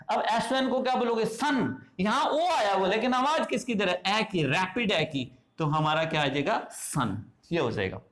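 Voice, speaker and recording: A man's voice: high-pitched, fairly bright tone. Man teaching, quizzing his listeners. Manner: quizzes listeners with questions and answers them himself; checks in often with short asides like "clear?". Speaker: English phonetics teacher. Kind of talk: classroom-style explanation.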